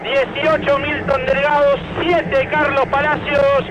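Un hombre con acento informa desde el estadio para una radio deportiva y recita las formaciones con nombres y números de camiseta. Su voz es muy aguda y de entonación plana. Llega delgada y apagada, como por una radio de bolsillo de sonido pobre. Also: male voice, very high-pitched, over a noisy crowd, very noisy. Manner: steady, brisk listing of names and shirt numbers. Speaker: field reporter at the stadium. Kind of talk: sports radio reporting, reading out team lineups. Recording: muffled, lo-fi line from the stadium.

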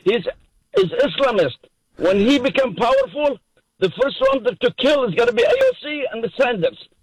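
A man's voice: very high-pitched, big pitch swings, normal speed, no echo, rough recording. A man from Iraq, calling in to a radio show, speaking broken English with passionate emphasis and frequent repetition. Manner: impassioned, emphatic, repeats himself, broken English. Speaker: caller. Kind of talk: call-in radio talk.

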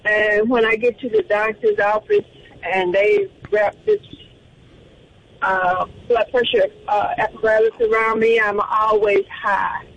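A woman caller talking through her car's hands-free speakerphone over a phone line, a little halting and self-conscious as she asks her question. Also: a little high, animated, gravelly, a bit bright. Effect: car hands-free speakerphone heard over a phone line. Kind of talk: call-in question to a radio show. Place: in a parked car in a garage. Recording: dull phone line with faint noise, from far off.

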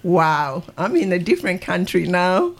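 A woman's voice: lowish voice, big pitch swings, a little slow. A woman hosting a radio interview, encouraging and prompting her guest with questions. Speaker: radio host.

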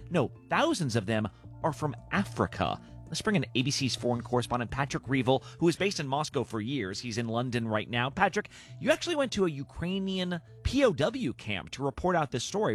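A male news anchor with a lively, animated pitch and a conversational delivery. Faint music sits under his voice. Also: fairly quick, husky.

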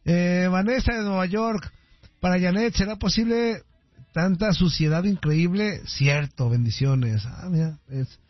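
A man's voice: sits high, measured pace, no room sound, faint music behind. A Mexican man hosting a call-in radio show, reading listener messages with joking, teasing banter. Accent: Mexican Spanish. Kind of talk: casual call-in radio chat. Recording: dull, dry radio sound.

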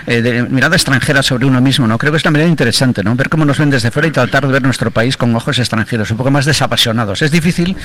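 A man from Galicia, a journalist, talking in a lively way in a round-table chat. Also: mid-range voice, very fast, hardly any pauses. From Galicia, Spain. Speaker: journalist guest.

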